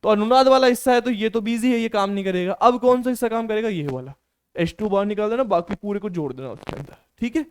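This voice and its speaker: A man's voice: high voice, quick pace, clear, resonant tone. A male chemistry teacher lecturing in a casual, encouraging classroom style. He keeps asking students questions and answering them himself, often calling them "beta".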